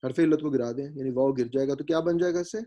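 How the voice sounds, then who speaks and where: A man teaching a grammar lesson, patient and explanatory, slowly spelling out vowel marks and often checking that his students follow, with English words mixed in. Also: medium pitch, warm tone, highs cut off. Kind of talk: grammar lecture.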